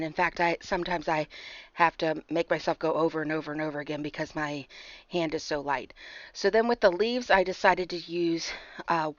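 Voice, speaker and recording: A woman narrating a card-making tutorial over her footage in a chatty way. She sounds a bit hoarse, clears her throat, and talks through each step with fillers and apologies. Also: on the low side, no echo, highs cut off.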